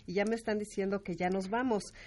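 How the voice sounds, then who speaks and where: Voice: medium pitch, steady tone, brisk, darkish tone, slight background noise. A show host interviewing a guest, often summing up the guest's points. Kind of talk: hosting an interview.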